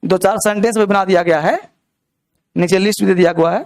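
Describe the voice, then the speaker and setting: High-voiced man quizzing a class. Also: fairly even intonation, fairly quick, a little mellow. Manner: keeps quizzing students with rhetorical questions. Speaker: English grammar teacher. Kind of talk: live classroom lecture. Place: classroom with students.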